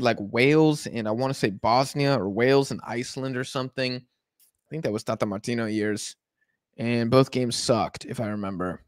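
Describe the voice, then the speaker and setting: A mid-range American male voice, clean studio sound without any room tone. He's lounging on his couch hosting a live football watch-along, easygoing and rambling while tackling chat comments as they come.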